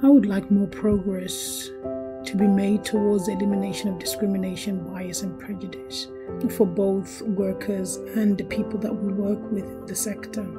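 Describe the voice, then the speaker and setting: A woman's voice: medium pitch, level tone, normal speed. Earnest woman over a music bed. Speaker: social worker. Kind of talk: personal testimony.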